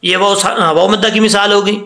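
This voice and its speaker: A man's voice: high voice, steady tone, fairly quick, bright, forceful tone, roomy sound. A man teaching Quran recitation rules, patiently explaining each letter and drawing out the example words to demonstrate them. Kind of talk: tajweed lesson.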